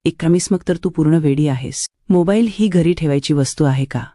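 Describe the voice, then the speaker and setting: A woman's voice: deep voice, brisk, dark tone, no room sound, studio quality. A woman voicing a rude rich young man who talks to her in a stern, ordering tone. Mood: curt.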